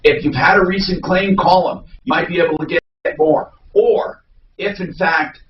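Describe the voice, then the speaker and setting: A man's high voice pushes a sponsor on a radio show with emphatic salesmanship. He sounds distant and echoey, with some noise around him. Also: steady tone, moderate pace, highs cut off. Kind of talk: show intro and sponsor endorsement.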